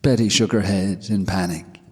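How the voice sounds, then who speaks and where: Guy reading a ghost story, deep raspy voice, slow and hushed, big echo. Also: fairly even intonation. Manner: measured, hushed. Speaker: narrator. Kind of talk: scripted narration of a ghost story. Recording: long hall reverb.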